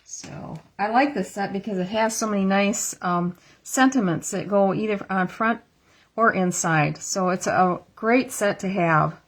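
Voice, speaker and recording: A woman's voice: mid-range voice, measured pace. A woman giving a casual card-making tutorial at her craft table, chatty and thinking aloud as she works, recorded through an iPad camera. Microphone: iPad camera on a stand.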